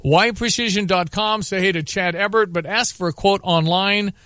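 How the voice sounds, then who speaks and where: A man's voice: high voice, moderate pace, bright, forceful tone, no room sound, clean studio sound. A man hosting local sports radio, doing live ad reads and announcements.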